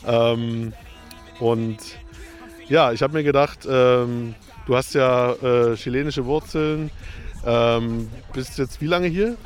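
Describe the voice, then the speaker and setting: A man of medium pitch hosts a radio show, chatting loosely with a guest. He rambles, hesitates and restarts often. Faint music plays behind him outdoors by a lake. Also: slow pace. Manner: rambling, many hesitations and ums. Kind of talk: casual interview.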